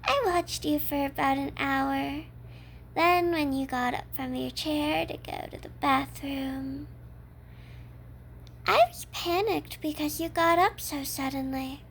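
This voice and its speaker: Woman acting high-voiced yandere kidnapper, ASMR role-play. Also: steady tone, slow, gravelly, fairly bright tone, slight background noise, heavily acted. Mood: matter-of-fact, fond. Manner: matter-of-fact, coy, addresses the listener as captive. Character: cheerful obsessive female yandere kidnapper, casually unhinged.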